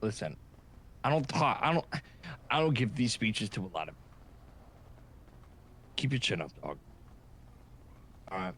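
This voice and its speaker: A man playing an earnest, supportive friend in improvised game role-play, chatting casually in a halting, repetitive, consoling way. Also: fairly low pitch, very animated, a bit bright, slight background noise, heavily acted.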